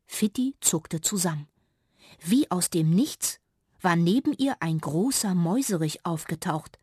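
Woman, children's story narrator, breathy, dry close sound, expressive. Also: lowish voice, measured pace, no echo.

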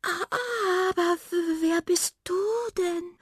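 A woman voicing a smitten young female cat who talks in high, breathless gushes. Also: completely flat delivery, slow pace, no room sound, studio quality. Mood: lovestruck.

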